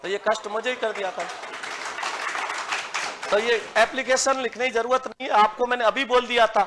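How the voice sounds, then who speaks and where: A young man from India teaching Hindi grammar in a classroom lecture, slowly repeating rules for students to write down. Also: extremely high pitch, steady tone, a loud crowd, very noisy.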